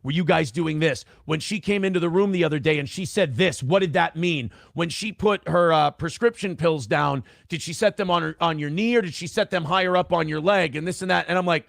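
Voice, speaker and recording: Gravelly man telling a messy story. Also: fairly high pitch, brisk, few pauses, no echo, studio quality. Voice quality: gravelly, profane, rambling. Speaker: guest telling his story. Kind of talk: casual storytelling on a call-in show.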